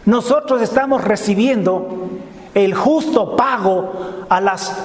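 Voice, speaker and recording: Preacher doing a scared criminal scolding his buddy, higher voice, echoey. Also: slow pace. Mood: rebuking. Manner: urgent, rebuking. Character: remorseful male criminal rebuking his companion.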